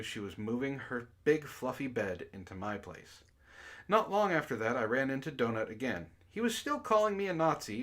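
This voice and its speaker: A man with a medium-pitched, fairly bright voice hosts a comic book club stream. He reads aloud and chats casually along the way.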